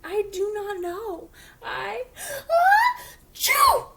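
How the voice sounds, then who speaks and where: A woman's voice: very high voice, a little hiss or hum, pitched above the performer's own voice. A woman voicing a worried male elephant who keeps sneezing, reading a picture book aloud. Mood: fretful. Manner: fretful, halting, sneezy.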